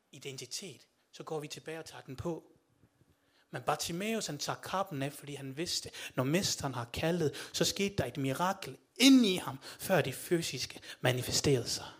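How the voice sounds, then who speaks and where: A man preaching a sermon, speaking to listeners directly with questions and swinging from quiet passages to loud, rising shouts. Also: on the high side, husky.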